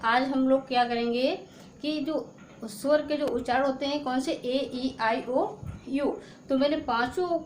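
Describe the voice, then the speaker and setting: A woman teaching children a lesson, repeating points and answering her own questions as she writes on a board. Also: high-pitched. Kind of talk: classroom-style lesson to children. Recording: echoey room, faint hiss.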